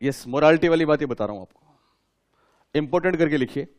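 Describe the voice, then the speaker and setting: A man's voice: a little high, lively intonation, fast talker. A man lecturing a class, asking his students questions and repeating key terms for them to write down. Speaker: teacher.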